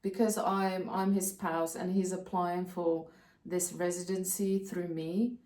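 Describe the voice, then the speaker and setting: A woman, calmly explaining practical steps in a casual vlog, often pausing to think. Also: lowish voice, recorded from a distance. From Slovakia. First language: Slovak. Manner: practical, step-by-step explaining with frequent hesitations. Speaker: co-host of a channel about moving abroad. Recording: roomy sound, voice off-mic.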